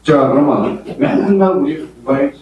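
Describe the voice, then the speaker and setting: A man's voice: a little high, animated, measured pace, far from the mic, lo-fi sound. An older man with a Gyeongsang accent gives a classroom lecture to exam students, constantly quizzing them with questions. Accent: Gyeongsang Korean. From Gyeongsang region, Korea. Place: lecture hall with live students. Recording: very echoey hall, voice heard from afar, faint hum.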